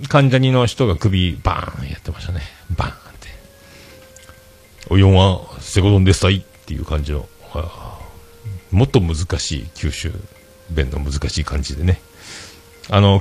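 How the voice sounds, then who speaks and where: A man's voice: low-pitched, vocal fry. A man hosting a casual solo livestream, rambling through his week in a chatty, self-mocking way. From Fukuoka, Japan. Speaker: livestream host.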